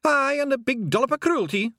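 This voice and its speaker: Tiny blue pixie guy in a kilt, scottish, high and squeaky, polite and a bit shy. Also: expressive, brisk, bright, forceful tone, no room sound, studio quality, full character voice. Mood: chatty. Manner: hesitant, deferential.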